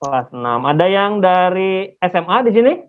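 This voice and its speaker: A man's voice: sits high, big pitch swings, normal speed, clear, resonant tone. A man, chattily hosting an online class through a face mask and often asking listeners to confirm. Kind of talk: casual, interactive webinar hosting. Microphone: video call. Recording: muffled, phone-like online call audio.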